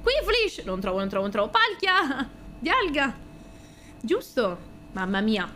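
A young adult woman with an Italian accent, chatting casually on a stream, excitable, swearing often and shrieking when she gets excited. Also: on the high side, unhurried, slight background noise. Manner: excitable, squeals and shouts at pulls, swears often. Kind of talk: casual card-opening stream chat.

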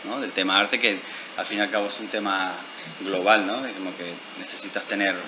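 A Venezuelan man, the guest artist in an interview, talks thoughtfully with hesitant restarts. His voice sits fairly low with fairly even intonation and a fairly quick pace. He speaks into a handheld mic in an indoor lounge bar, with noise in the background.

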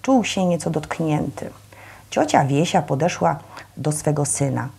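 Husky woman reading a novel aloud. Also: deep voice, lively intonation, unhurried, darkish tone. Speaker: reader at a public reading.

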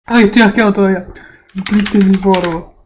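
A man's voice: high voice, steady tone, a little fast, soft background music. A young man with a Rioplatense accent, commenting casually as a streamer while trolling a chat, mocking, laughing, then disgusted. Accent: Rioplatense Spanish. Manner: mocking, swings between laughing and mock disgust.

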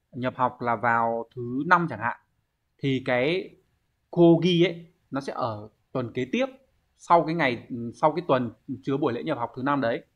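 This Vietnamese-accented man has a mid-range voice with a fairly bright tone. He's giving a Japanese exam lesson, breaking down every answer in steps and questioning himself as he goes, captured on a dull, lo-fi recording.

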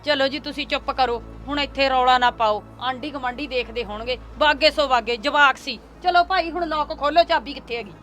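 An actress with a Punjabi accent playing an older mother who keeps hushing her husband to avoid a scene. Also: high-pitched, fairly quick, hardly any pauses, soft background music. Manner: pleading, hushing, soft-spoken. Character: worried mother hushing quarrels, fearful of gossip.

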